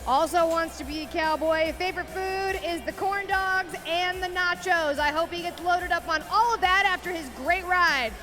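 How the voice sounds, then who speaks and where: A woman's voice: extremely high pitch, moderate pace, hardly any pauses. A woman co-announcing a live children's rodeo event in a gushing, encouraging way. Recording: music behind live announcing.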